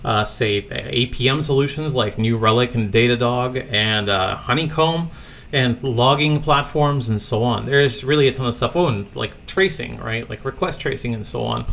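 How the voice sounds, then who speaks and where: A man from Latvia giving a tech conference talk, loose and conversational with frequent fillers. His voice has a gravelly edge at an ordinary middle pitch. He speaks at a desk webcam from a home office. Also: moderate pace, a bit bright. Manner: casual, conversational, many fillers.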